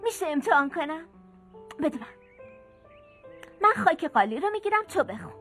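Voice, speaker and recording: A sweet little orphan girl, high voice, eager and gentle, faint music behind, film dub. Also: big pitch swings. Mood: warm. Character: bright, kind young girl, an orphan. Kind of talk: dubbed film dialogue.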